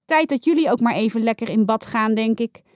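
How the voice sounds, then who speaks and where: A woman's voice: fairly high pitch, brisk, no echo, studio quality, lightly acted. Woman doing a stern, weary mother. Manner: stern but patient.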